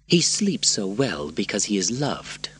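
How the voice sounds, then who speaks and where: A man's voice: on the low side, sing-song, a little slow, a bit bright, breathy edge, pitched above the performer's own voice, full character voice. A man voicing a moody, menacing young emperor who sounds plaintive and petulant.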